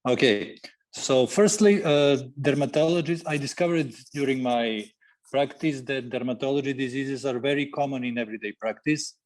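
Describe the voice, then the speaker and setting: A man, a guest veterinarian on a podcast interview, speaking haltingly with many fillers and grammar. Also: mid-range voice. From Serbia. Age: 40s.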